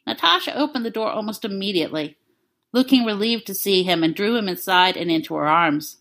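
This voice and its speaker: A woman narrating fan fiction aloud in a calm, even storytelling manner. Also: mid-range voice, brisk.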